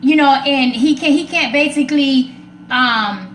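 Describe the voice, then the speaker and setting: Hosting a live talk show, a woman speaks casually, emphatically, and outspokenly to her viewers. Her voice sits high and moves a little slowly, with a roomy echo and faint background noise.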